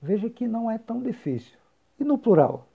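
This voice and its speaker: A man's voice: very high-pitched, big pitch swings, fairly quick, gravelly, breathy edge. A man teaching English grammar, explaining patiently and repeating example phrases. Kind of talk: recorded grammar lesson. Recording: dull lo-fi recording.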